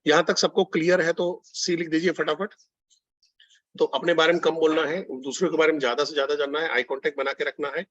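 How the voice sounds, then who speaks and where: Man, sales trainer, husky voice, slightly high pitch, muffled dry recording. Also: flat delivery, fairly quick, fairly bright tone, no echo. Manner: coaching, repeats phrases, addresses listeners directly. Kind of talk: online training session.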